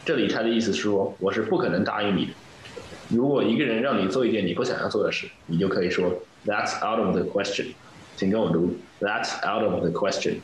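A man's voice: fairly low pitch, fairly quick, a little hiss or hum. Man teaching English in a very echoey room. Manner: reads dialogue lines, then explains patiently. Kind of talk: explaining English phrases in Chinese.

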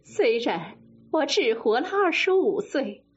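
A woman storyteller voicing a proud, sharp-tongued young noblewoman in her twenties, high and commanding. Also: sing-song, slow pace, heavily acted. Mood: mournful. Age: 20s. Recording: dull lo-fi sound with faint music.

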